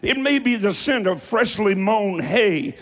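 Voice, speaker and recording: Male preacher, Appalachian accent, high and very animated voice, folksy theatrical sermon in a reverberant hall. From Appalachia, United States. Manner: deliberate, theatrical delivery with emphatic pauses. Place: large hall, preaching to a congregation. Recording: echoing large hall with long reverb.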